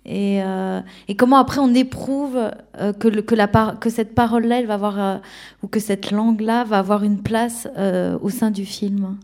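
Female moderator, warm tone, inquisitive. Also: medium pitch, fairly even intonation, moderate pace. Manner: probing questions. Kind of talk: panel moderation.

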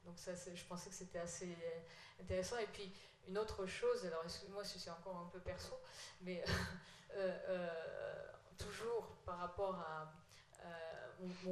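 Middle-aged woman, lowish voice, halting casual talk, faint room ambience. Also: steady tone, roomy sound, a little hiss or hum. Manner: hesitant, many fillers and apologies. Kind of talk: casual chat.

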